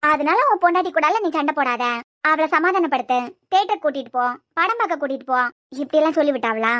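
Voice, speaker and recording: A woman's voice: high voice, lively intonation, quick pace, a bit bright. A woman voicing a proud young wife in a cartoon series who fiercely defends her family, lecturing and defiant, with a Kanyakumari Tamil accent. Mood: reproachful. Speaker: cartoon character. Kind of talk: cartoon web series dialogue.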